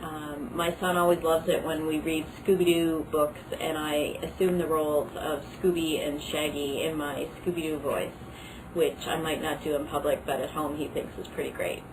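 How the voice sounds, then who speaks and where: A woman's voice: deep voice, little pitch movement, moderate pace. A mother giving conversational advice to other parents about family life. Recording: clearly noisy background.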